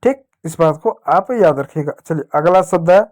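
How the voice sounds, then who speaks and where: A male teacher gives a patient reading lesson to children, sounding out words slowly and repeating them. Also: fairly high pitch, lively intonation, darkish tone.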